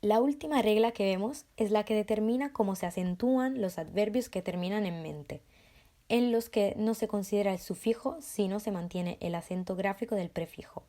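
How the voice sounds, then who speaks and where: Mellow-voiced woman reading grammar rules. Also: medium pitch, normal speed. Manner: calm, careful reading of rules and examples. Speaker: student presenter. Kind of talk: scripted grammar explanation.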